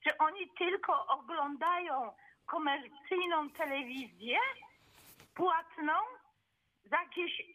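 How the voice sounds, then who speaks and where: A woman's voice: high voice, slow, long pauses, bright, forceful tone. A middle-aged woman calling in to a radio show over a phone line, speaking indignantly and firing off rhetorical questions. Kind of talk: heated call-in opinion.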